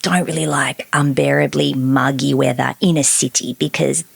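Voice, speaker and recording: A woman's voice: a bass voice, steady tone, normal speed, vocal fry, husky, dry recording. A woman hosting a travel podcast, chatting effusively with her guest. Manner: warm, effusive, chatty interviewer. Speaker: podcast host. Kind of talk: casual podcast interview.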